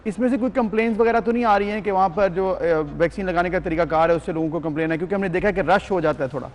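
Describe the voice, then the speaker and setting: A male morning show co-host with a Pakistani accent asks his questions briskly and affirms his guest's answers. He talks fast in a high voice, with a faint hiss behind him. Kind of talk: interviewing.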